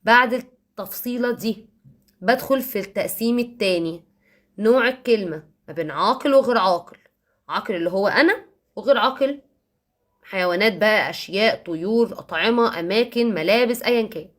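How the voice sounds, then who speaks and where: A woman teacher with an Egyptian Arabic accent, explaining to parents how she teaches young children, emphatic and repeating key words, slowing down on examples. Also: medium pitch, expressive.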